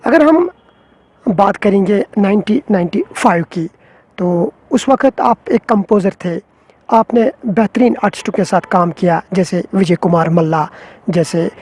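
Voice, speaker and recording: A man's voice: high-pitched, lively intonation, darkish tone. A man interviewing a guest, asking polite, formal questions.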